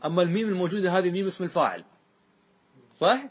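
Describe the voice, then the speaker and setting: A man teaching a grammar lesson. His voice is a little high and husky. He asks questions and keeps checking that his students are following. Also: racing. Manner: questioning, checks understanding often.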